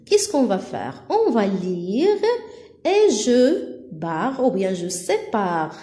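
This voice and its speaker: A woman teaching a first-grade lesson to young children, sounding out words slowly and clearly, syllable by syllable. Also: medium pitch, sing-song, mellow. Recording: echoey room.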